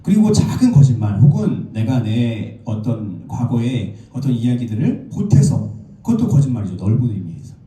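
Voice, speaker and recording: A Korean man preaches in a lively, sing-song way. His voice is dark and mellow, and it rings through a roomy church from a mic some way off. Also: mid-range voice, moderate pace, recorded from a distance. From South Korea. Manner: lively storytelling preacher, asks the congregation questions. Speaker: pastor. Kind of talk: sermon. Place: church sanctuary.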